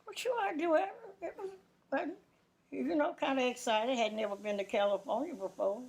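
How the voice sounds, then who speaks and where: A woman's voice: sits high, moderate pace, vocal fry, a little mellow. A woman in her nineties with a Southern US accent, reminiscing casually in a plain-spoken way, often repeating words and restarting her sentences. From Louisiana, USA. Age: 90s, elderly. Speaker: interviewee. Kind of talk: casual oral-history reminiscence.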